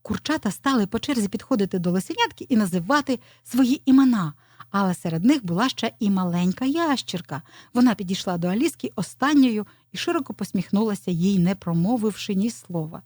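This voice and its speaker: Жінка розповідає дитячу казку. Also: female voice, mid-range voice, brisk, dry recording, studio quality. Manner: expressive storytelling. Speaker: storyteller. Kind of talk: children's audio story narration.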